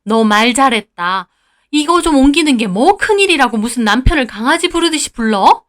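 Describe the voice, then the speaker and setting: A woman voicing an angry, scolding older mother-in-law, shrill and contemptuous. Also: lively intonation, normal speed.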